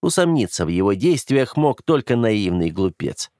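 Expressive male audiobook narrator. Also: lowish voice, moderate pace, no room sound, studio quality. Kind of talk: scripted first-person narration.

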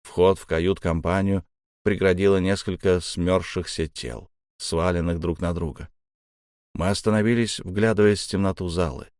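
A man giving a measured, first-person audiobook narration of a dark tale. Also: deep voice, steady tone, clear, resonant tone, no echo, studio quality.

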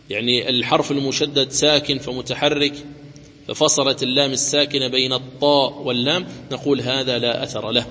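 A man teaching the rules of Quran recitation, explaining each rule step by step and chanting the example words slowly. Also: medium pitch, fairly bright tone, big-room sound, a little hiss or hum. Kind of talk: tajweed lesson with chanted examples.

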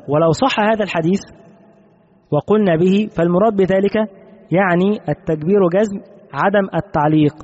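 High-voiced sheikh teaching in a hall. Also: male voice, a little mellow. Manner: reads the text aloud, then explains it and repeats key phrases; questions the class and praises answers. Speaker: Islamic jurisprudence teacher. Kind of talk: religious text commentary lesson. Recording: muffled recording in a reverberant hall.

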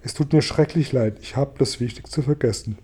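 A man reading a storybook aloud, voicing a calm, earnest young boy in a lifted voice. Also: mid-range voice, normal speed, husky, lightly acted. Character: young boy, quiet and thoughtful. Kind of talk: audiobook reading.

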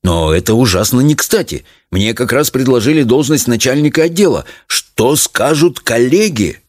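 A man voicing a pompous, self-important middle-aged father in a storybook reading, in a calm and stiff manner. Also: medium pitch, moderate pace, no echo, studio quality, voice pushed up, close to an everyday voice. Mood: bewildered.

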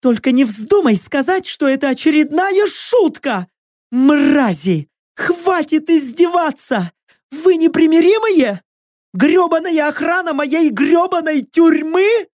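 A woman's voice: high-pitched, animated, takes it slowly, a little mellow, no room sound, clean studio sound, voice pushed up. A woman voicing a desperate, furious imprisoned creature woman who screams curses and begs to be killed.

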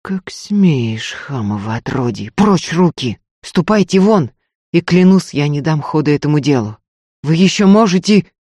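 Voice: mid-range voice, moderate pace, no echo, lightly acted. A reader voicing a proud young noblewoman who answers robbers in a haughty, clipped manner. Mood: angry.

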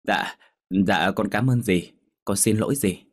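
A man reading a story, voicing a gentle dutiful young woman who pleads softly. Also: lowish voice, a little slow. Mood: pleading. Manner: pleading, soft-spoken.

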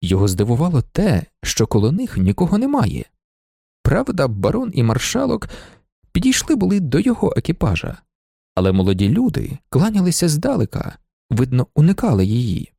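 Gravelly, expressive male narrator. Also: a little high, brisk, no room sound, clean studio sound. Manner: animated, expressive reading. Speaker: audiobook narrator. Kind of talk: scripted literary narration.

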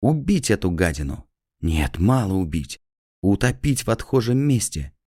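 A man voicing an agitated male asylum patient who shouts bitter accusations. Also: on the low side, big pitch swings, normal speed, no room sound, studio quality, voice pushed up. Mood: furious.

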